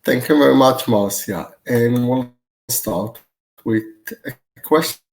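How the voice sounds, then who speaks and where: A man presents at an online conference from a video call, his voice gravelly and a little husky. He talks with frequent fillers and restarts, pausing to gather his thoughts as he explains. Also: mid-range voice, darkish tone, rough recording. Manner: hesitant, with many fillers and restarts.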